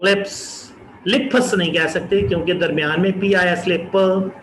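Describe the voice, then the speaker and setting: A man from Pakistan teaching a pronunciation lesson, repeating each example word slowly and distinctly. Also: high-pitched, steady tone, a bit bright, echoey room, slight background noise, low-quality recording. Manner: slow, repeats example words carefully and distinctly. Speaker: English teacher.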